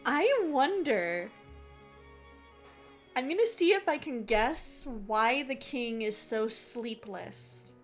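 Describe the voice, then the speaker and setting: High-voiced, unhurried woman reacting casually. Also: faint music behind. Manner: musing aloud, expressive. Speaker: host. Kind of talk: casual live reaction commentary.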